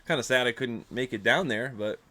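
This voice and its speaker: This podcast host's medium-pitched voice is fairly quick with a sharp tone, and his nose is blocked from allergies. On his casual chat show he talks loosely with plenty of fillers, using a desktop microphone in a home room while heavy rain pounds outside.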